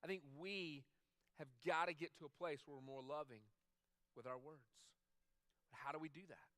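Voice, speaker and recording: A man's voice: on the high side, normal speed, a bit bright, no room sound. A man preaching a sermon as a pastor, talking conversationally and repeating phrases for emphasis. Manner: acts out quoted dialogue in other voices.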